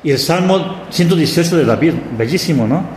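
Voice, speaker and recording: A Mexican man gives a reflective sermon in a fairly high voice, often checking with his listeners and restarting his phrases. His voice rings through a large hall with a long, trailing reverb. A faint ambience hums underneath. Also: expressive, brisk, a little mellow, a little hiss or hum. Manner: reflective, with frequent rhetorical "¿no?" and restarts. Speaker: preacher.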